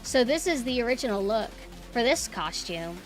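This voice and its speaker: A woman's voice: fairly high pitch, big pitch swings, moderate pace. A woman streamer hosting a casual live-stream chat, talking informally and thinking aloud as she goes. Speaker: streamer, VTuber host. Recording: music behind the voice. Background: background music.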